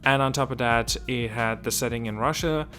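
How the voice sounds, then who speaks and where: A man's voice: medium pitch, normal speed, bright, forceful tone, faint music behind. A man from Estonia hosting a casual gaming video, rambling and restarting sentences while often asking whether he makes sense.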